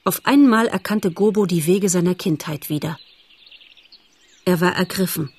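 A woman narrating a children's animal story in a calm, measured audiobook style. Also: on the low side, husky, dry recording.

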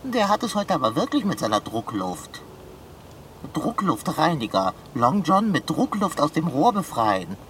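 A woman acting out a fussy, theatrical tomcat stuck in a pipe for a children's radio play. His whining swings widely up and down in pitch. A faint noise sits under the voice. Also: very animated, a little slow, fairly bright tone. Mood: grumbling. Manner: whiny, dramatic, calls for help.

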